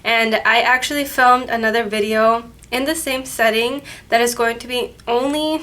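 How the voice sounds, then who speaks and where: A paranormal channel host, she talks loosely to the camera inside her workplace office, her voice a little high and a bit bright, with fairly even intonation and a moderate pace. She sounds stuffed up from a cold and keeps rambling and self-correcting. Sound comes from the camera alone, no microphone.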